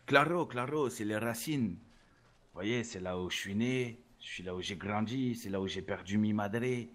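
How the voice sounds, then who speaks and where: A man's voice: lowish voice, measured pace, a bit bright. A man playing a swaggering rap label boss. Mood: boastful. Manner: boastful, peppers speech with Spanish words and 'hein'. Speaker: rap label founder in role-play interview. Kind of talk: role-play interview.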